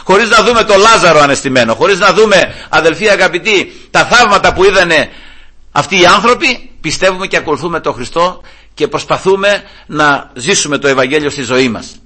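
A middle-aged man preaching a fervent sermon, retelling scripture scenes with voiced quotes and swinging from high emphatic pleas to low murmurs. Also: animated, bright, forceful tone.

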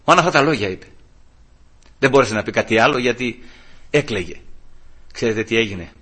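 Male preacher, lively storytelling sermon, forceful husky voice. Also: mid-range voice. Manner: storytelling, exclaims praise and quotes scripture.

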